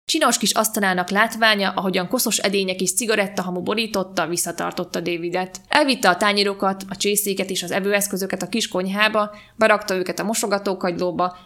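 A woman podcast host reading a short story aloud in a calm, even storytelling manner. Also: medium pitch. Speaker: podcast reader.

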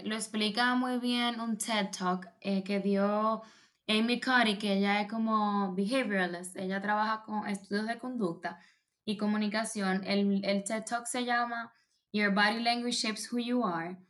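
A woman coaching on public speaking in a relaxed conversation, explaining at length with many fillers and restarts. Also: mid-range voice, a little slow. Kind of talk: casual advice chat.

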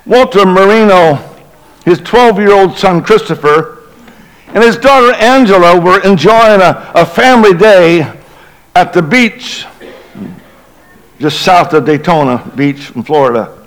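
Here a middle-aged bishop tells a story dramatically during his Christmas Eve sermon, lowering his voice to a hush at the suspenseful points. His delivery is slightly slow, and the audio is of poor quality.

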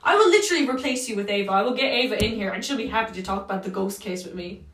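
A woman's voice: medium pitch, lively intonation, very fast, a bit bright. A young woman hosting a casual podcast, rambling and joking through her notes with frequent swearing. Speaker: podcast host. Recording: echoey room, mic at a distance.

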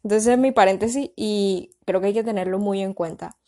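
A young woman with a Colombian Caribbean coastal accent, chatting casually and explaining things in a lively, colloquial way. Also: mid-range voice, moderate pace. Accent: Colombian Caribbean (costeño). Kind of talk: casual chat.

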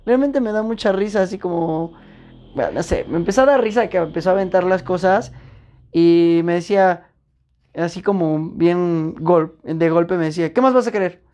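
Mellow-voiced Mexican woman telling stories. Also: lowish voice, normal speed. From Puebla, Mexico. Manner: animated, slangy, acts out other people's lines. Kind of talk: casual chat, storytelling.

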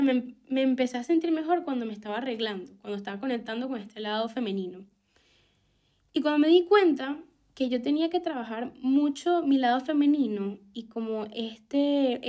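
High-voiced Venezuelan woman, frank storyteller. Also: a little mellow. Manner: frank and emphatic, repeats phrases, swears casually. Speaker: vlogger. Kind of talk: candid personal storytelling.

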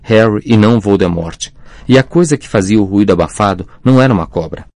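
A man narrating a fantasy audiobook in a measured, dramatic reading voice on a close mic. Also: lowish voice, animated, a little mellow, no echo.

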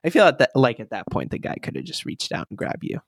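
A man's voice: mid-range voice, wildly swooping pitch, quick pace, vocal fry, slightly rough, no echo, studio quality. A man co-hosting a podcast, reading a friend's story aloud and teasing him between passages. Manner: teasing, joking. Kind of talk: casual reading with banter.

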